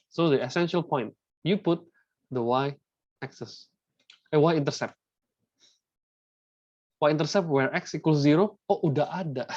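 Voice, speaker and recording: Here a young man with an Indonesian accent teaches maths informally, code-switching between Indonesian and English and repeatedly making sure his students follow. His voice leans high yet has a darkish tone. The recording has no echo and a dull, dry quality.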